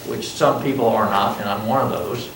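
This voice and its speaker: A man's voice: lowish voice, normal speed, fairly bright tone. An older man teaches a college class while wearing a mask, chatting, asking questions and poking fun at himself. He is picked up from across a roomy classroom, with faint ambient noise behind him. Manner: chatty, asks the class questions, self-joking. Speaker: college instructor. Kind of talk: classroom lecture. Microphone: masked, speaking in a classroom. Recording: roomy classroom sound from a distance.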